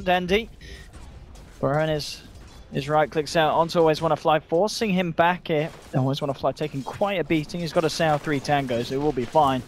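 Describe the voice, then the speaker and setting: A man's voice: fairly high pitch, a little hiss or hum. Man doing play-by-play game commentary. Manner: energetic, quick calls of the action. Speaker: esports caster.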